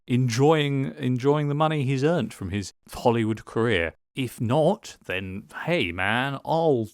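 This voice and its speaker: A tipsy man giving a casual solo film review, rambling and halting as he stumbles over his words after drinking wine. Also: medium pitch, creaky, dry recording, clean studio sound.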